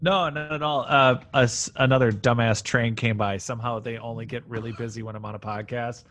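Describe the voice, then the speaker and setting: A man chatting as a guest on a podcast, talking in a loose, animated ramble. He restarts his sentences often and jumps from one idea to the next. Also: medium pitch, fairly quick. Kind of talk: casual podcast chat. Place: room near a railway line.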